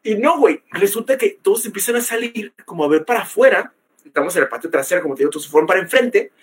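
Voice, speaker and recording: A young man with a Mexican accent co-hosts a podcast, telling a story in casual, slangy chat, peppering lines with "güey" and acting out the quotes. His high-pitched voice is expressive, fast and slightly rough.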